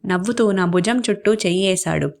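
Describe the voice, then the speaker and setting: A woman's voice: mid-range voice, brisk, gravelly, darkish tone. Woman, storyteller, story reading, voices the characters' quoted lines. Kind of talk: reading a short story aloud.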